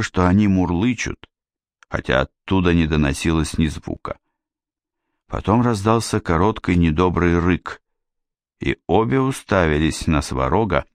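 A male audiobook narrator reading fantasy in a measured, steady way. His voice is extremely low and deep. The recording is close-miked and completely dry. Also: no room sound.

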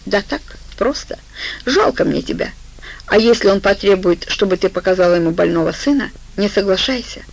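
A woman's voice: mid-range voice, animated, normal speed, gravelly, low-quality recording. A woman voicing a cunning, manipulative woman who talks in a soothing, persuasive way. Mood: coaxing.

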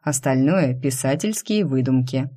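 A woman reading the lines of a calm, mocking male vampire boss in an audiobook, in a dry, unhurried, teasing manner. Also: very deep voice. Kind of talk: audiobook character voice.

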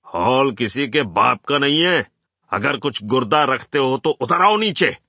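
A man voicing a hostile crowd of men who jeer and shout at a speaker in an audiobook. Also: medium pitch, lively intonation, unhurried, creaky, dry recording, exaggerated voice. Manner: jeering, shouting.

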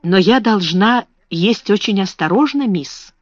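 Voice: medium pitch, expressive, unhurried, no echo. A modest young servant girl from a storybook who states things plainly, without fuss, put on by an audiobook reader. The recording is lo-fi and muffled, close and dry. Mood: careful. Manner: plain and matter-of-fact. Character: humble young scullery maid, matter-of-fact. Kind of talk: audiobook reading.

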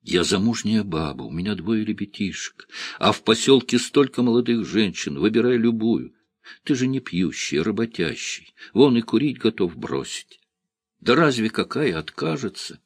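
A man reading the part of a cheerful young village woman, lively and lightly mocking, in a low voice. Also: moderate pace, husky, no room sound.

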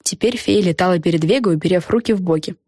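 A woman reading a children's storybook aloud in an expressive, measured manner. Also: on the low side, no echo, clean studio sound. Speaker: audiobook narrator. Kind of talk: storybook narration.

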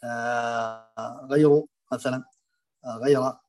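A man teaching Quran recitation, explaining and demonstrating common pronunciation errors in a halting, filler-heavy way. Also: medium pitch, steady tone, darkish tone. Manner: hesitant, many fillers and restarts, demonstrates pronunciations aloud.

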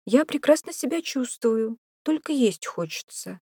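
An anxious young mother from an audiobook, read by a woman. Her voice is set higher and tighter, plain-spoken, recorded close and dry. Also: expressive, unhurried, dark tone, husky, no room sound, full character voice.

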